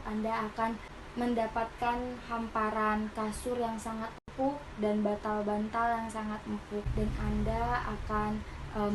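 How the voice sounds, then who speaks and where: A woman guides a hypnosis relaxation like a hypnotist, with soothing, repeated suggestions. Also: medium pitch. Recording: clearly noisy recording with ambience.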